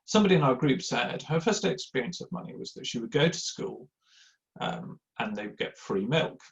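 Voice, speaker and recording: Gravelly-voiced man telling anecdotes. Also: mid-range voice, lively intonation, normal speed. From Yorkshire, England. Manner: rambling, anecdotal, self-deprecating, many fillers. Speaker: church giving speaker. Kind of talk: informal talk to a live audience. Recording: slightly dull lo-fi sound.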